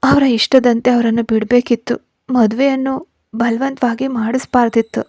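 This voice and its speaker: A woman's voice: a little high, little pitch movement, moderate pace, dark tone, no room sound, studio quality, lightly acted. A woman voicing a tearful young wife who blames herself, in a subdued storybook reading. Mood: resigned. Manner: subdued, resigned.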